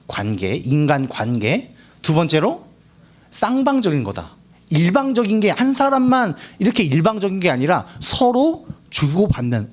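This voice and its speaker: Lively, playful young man preaching to teens. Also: fairly high pitch. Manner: playful, asks the students questions, acts out quotes. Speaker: youth pastor. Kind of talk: lively youth sermon. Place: church hall.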